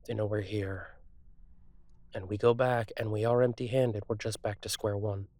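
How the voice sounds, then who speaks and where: A man playing a streetwise, wry car thief on the run in a conversational audio role-play, talking casually with thoughtful pauses. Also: lowish voice, fairly even intonation, a little mellow, no echo, close to an everyday voice. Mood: concerned, deliberate.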